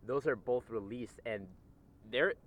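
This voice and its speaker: A man's voice: mid-range voice, unhurried, fairly bright tone. A young man in ice-cold water, casually explaining things in conversation outdoors. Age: young adult. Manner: talking while immersed in ice-cold water. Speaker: interviewed cold-plunge enthusiast. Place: outdoors in a frozen lake.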